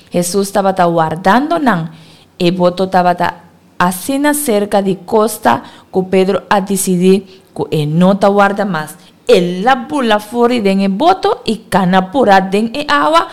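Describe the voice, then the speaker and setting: A woman reading a Bible story aloud in a steady, careful way. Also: medium pitch.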